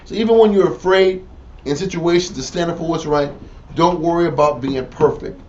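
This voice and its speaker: Speaking briskly in a voice on the high side, this man runs a laid-back Bible study full of slang, animatedly acting out scenes. The audio is lo-fi and distant, taken in a room with faint noise.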